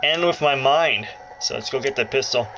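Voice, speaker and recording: Here a male gaming video host speaks at a moderate pace in a mid-range voice over background noise. He offers loose, joking let's play commentary, frequently interrupting himself, while indoors roughly a foot from a handheld console that plays game music through its speaker.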